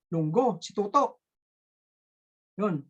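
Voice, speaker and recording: Halting Ilonggo storyteller. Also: mid-range voice, lively intonation, a bit bright, dull audio. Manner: halting, searching for words mid-sentence. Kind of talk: casual spoken storytelling.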